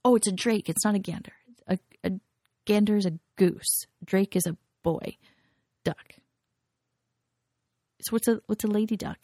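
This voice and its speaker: Woman co-host, casual podcast chat. Gravelly, mellow, giggles a lot, dry room. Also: medium pitch, moderate pace, no echo. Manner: giggly, gushing, rambling.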